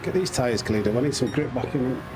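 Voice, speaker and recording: This male streamer has a mid-range voice and talks fast and expressively as he plays a racing game live. With the game's engine sounds clearly audible, he casually narrates, mutters about his own driving, and talks to viewers and himself.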